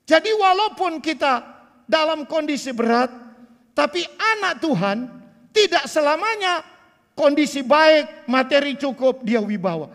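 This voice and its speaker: A man in his sixties preaching a sermon as pastor, swinging between loud emphatic bursts and quiet asides. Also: very high voice, animated, measured pace, big-room sound. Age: 60s. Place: church sanctuary.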